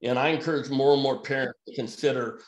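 A man's voice: medium pitch, steady tone, quick pace, roomy sound. A man who works as an emergency physician, talking bluntly and emphatically as a guest in a podcast conversation.

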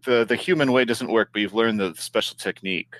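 A man's voice: lowish voice, brisk, fairly bright tone, dry recording. A man who is game master, narrating a tabletop game in an easygoing way and laughing often.

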